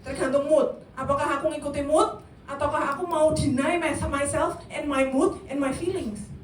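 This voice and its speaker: Captured from afar in an echoey church meeting room with faint hiss, a youth service speaker preaches at a moderate pace in a high-sitting voice. Her sermon is interactive and lively, with direct questions to listeners and bits of English mixed in.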